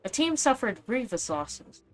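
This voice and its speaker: A woman voicing a calm, kindly older male weapon engineer as she reads game dialogue aloud, steady and explanatory with small slips. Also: fairly high pitch, measured pace, soft background music, poor audio. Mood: recounting.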